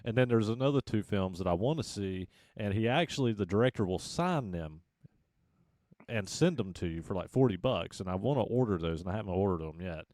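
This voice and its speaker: Podcast co-host, male, low voice, teasing and eager, dry close mic. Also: lively intonation, a little fast, a little mellow, dry recording. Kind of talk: casual podcast chat.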